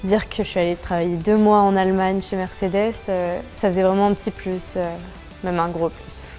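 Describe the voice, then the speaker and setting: A woman's voice: medium pitch, level tone, normal speed, mellow, faint music behind. A young woman, an apprentice at a truck maker, speaking hesitantly with fillers.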